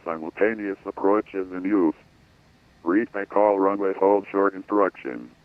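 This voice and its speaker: A man reading an airport weather broadcast over an aircraft radio, in a flat, measured delivery of codes and numbers. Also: deep voice, dry recording. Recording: tinny radio transmission.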